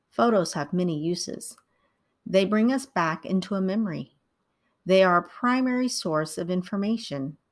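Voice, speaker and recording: Calm and lowish in pitch, a middle-aged woman of Vietnamese birth and American upbringing narrates a prepared writing lesson.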